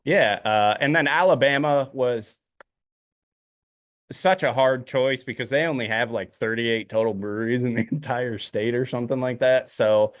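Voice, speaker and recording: A man's voice: medium pitch, normal speed, no room sound. Rambling man on a podcast. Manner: rambling, many ums and uhs. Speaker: podcast co-host. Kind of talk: casual chat.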